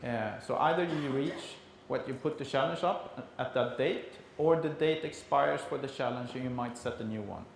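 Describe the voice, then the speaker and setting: A man from Sweden with a Swedish accent gives an explanatory conference presentation in a halting delivery, as a non-native speaker. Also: medium pitch, gravelly. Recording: very echoey room, faint background noise.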